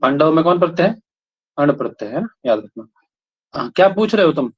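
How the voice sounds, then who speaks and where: Male teacher, slightly high voice, drills students with repeated questions, dull lo-fi recording. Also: sing-song, fairly quick, husky. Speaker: Sanskrit grammar teacher. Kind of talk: classroom lesson, questioning students. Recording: dull lo-fi sound.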